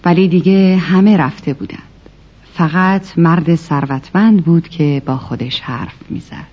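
A storyteller narrating a children's tale, talking to the kids listening. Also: mid-range voice. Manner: addresses children warmly as listeners. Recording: lo-fi recording with music behind.

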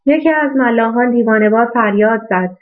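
Woman narrating a novel over a phone-like line. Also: a little high. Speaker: audiobook narrator. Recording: tinny phone-like sound.

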